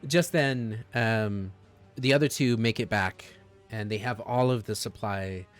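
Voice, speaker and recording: A man narrating as game master of a tabletop game, relaxed and often chuckling between ums. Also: on the low side, a little slow, clean tone, faint music behind.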